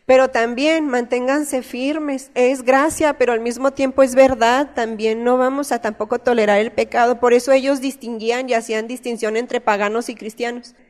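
A woman's voice: on the high side, steady tone, moderate pace, few pauses, darkish tone. Mexican woman preaching in a reverberant hall. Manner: earnest, conversational preaching with personal stories. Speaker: church speaker. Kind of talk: sermon. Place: church. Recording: long reverb of a church hall.

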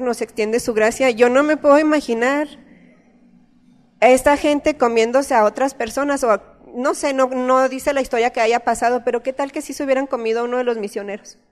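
Mexican woman, 30s, lay preacher, higher voice, earnest chatty sermon; church hall with long reverb. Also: darkish tone. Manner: earnest, conversational preaching with personal stories. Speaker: church speaker.

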